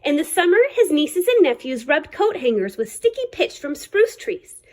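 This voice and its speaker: Reading a picture book to children, this librarian uses a high voice with lively, swooping intonation. Her storytelling is expressive, with deliberately dramatic phrasing.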